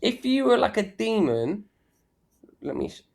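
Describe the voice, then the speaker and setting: A man talks on a podcast in an excitable, unfiltered way, swearing and tumbling over his own words. His pitch leaps up and down with lively swings. He sounds like he is on a remote call. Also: unhurried, gravelly. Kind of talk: casual chat.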